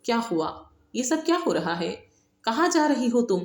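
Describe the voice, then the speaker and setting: A woman's voice: fairly high pitch, very animated, darkish tone, echoey room, voice pushed up. A woman reading the lines of a stern young man who gives firm orders in an audiobook novel. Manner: stern, commanding.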